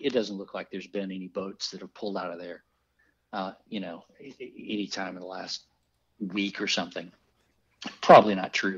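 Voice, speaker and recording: A middle-aged man, a podcast guest, telling fishing stories in an animated way with exclaimed quoted voices. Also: fairly low pitch, husky. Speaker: podcast guest, fly fisher. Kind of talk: animated storytelling. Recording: dull lo-fi sound.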